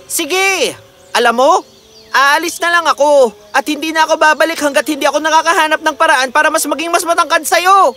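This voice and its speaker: A woman voicing a proud, clever young prince who answers with haughty, sharp retorts in a storybook cartoon. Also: high-pitched, a little fast, faint music behind.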